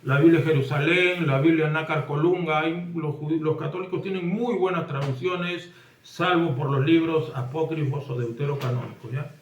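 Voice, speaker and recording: A man's voice: a little high, moderate pace, a little hiss or hum. A man with a Peruvian accent preaching a sermon as a pastor, emphatic and addressing the congregation directly. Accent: Peruvian Spanish. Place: church hall. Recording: echoey room, voice from far off.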